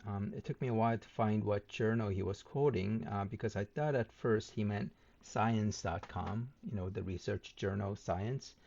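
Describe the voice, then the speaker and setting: Measured man rebutting a debate, ums. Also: on the low side, gravelly, darkish tone, dull audio. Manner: measured, with many filler ums and uhs. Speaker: channel host responding to a debate. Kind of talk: point-by-point rebuttal commentary.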